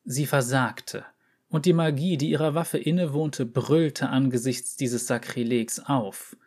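A man reading an audiobook story, voicing a calm, unsettling female runesmith who speaks with measured authority. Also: medium pitch, breathy edge. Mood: calm, authoritative.

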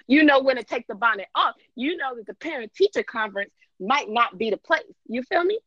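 A woman hosting a casual podcast with playful, slangy banter and frequent laughter, on a low-quality muffled call. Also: lively intonation, normal speed, sharp tone, dry recording. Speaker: podcast host.

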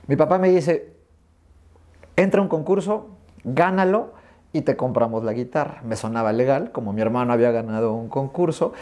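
A man's voice: mid-range voice, normal speed. A middle-aged man with a Mexican accent, a guest in an interview, telling childhood stories and acting out remembered dialogue. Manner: animated, acts out remembered dialogue. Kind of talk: storytelling in an interview.

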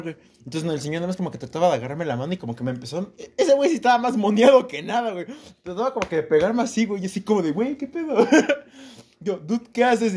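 Young Mexican guy, podcast host, rapid slangy storytelling, slightly high voice, lots of swearing. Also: darkish tone, husky. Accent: Mexican Spanish. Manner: slangy, swears a lot, laughs often. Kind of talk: casual storytelling chat.

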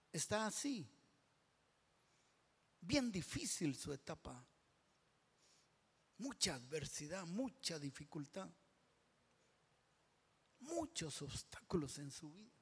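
A man preaching a sermon, building to loud shouted climaxes and dropping to whispers. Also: on the high side, vocal fry, slightly rough. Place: church hall. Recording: long reverb of a large hall.

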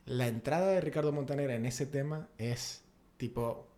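A man with a Venezuelan Maracaibo accent chats casually as a podcast co-host. His voice sits at an ordinary middle pitch. He talks in an animated, slangy way and keeps reaching for fillers. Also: normal speed. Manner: animated, slangy, full of fillers like "tipo" and "o sea". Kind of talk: casual chat.

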